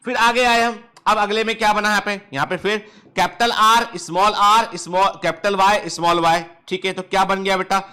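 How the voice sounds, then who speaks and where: A male biology teacher with a high, bright voice leads an online class. He keeps firing questions at his students, repeats each answer, and mixes in joking threats to keep them working. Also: fairly even intonation, normal speed, smooth. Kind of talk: online lecture. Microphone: touchscreen device close up.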